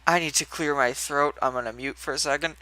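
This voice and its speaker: A man's voice: a little high, steady tone, fairly quick, sharp tone, smooth, faint music behind. A young man casually commenting while streaming a video game, rambling with fillers and restarts.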